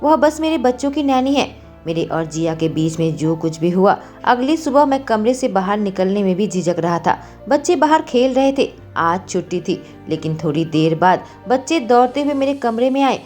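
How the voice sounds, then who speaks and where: A woman's voice: medium pitch, expressive, moderate pace, darkish tone, soft background music. A woman narrating a dramatic romance story in the first person, with an emotive delivery.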